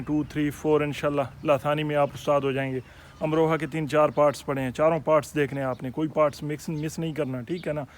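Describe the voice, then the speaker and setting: A man talks through a casual instructional video for fellow hobbyists. His voice sits somewhat high for a man, and he explains things step by step, often pausing to ask whether viewers are following. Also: slight background noise. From Pakistan. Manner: explanatory, repeats "theek hai" to check in with viewers; friendly, addresses viewers as friends and fellow hobbyists. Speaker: poultry breeder and channel host.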